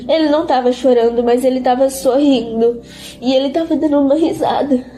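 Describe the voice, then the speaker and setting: A high-voiced woman tells of a religious experience in a halting, repetitive way, her voice often close to tears. Her tone is dark and mellow despite the high pitch, and faint music plays behind her. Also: fairly even intonation. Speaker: interviewee giving a religious testimony. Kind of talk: emotional spoken testimony.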